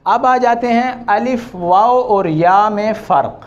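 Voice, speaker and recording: A man teaching Quran recitation rules, chanting examples with long drawn-out vowels and correcting common mistakes. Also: sits high, muffled recording. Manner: draws out vowels and repeats examples slowly, then corrects. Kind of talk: slow, patient tajweed lesson with chanted examples.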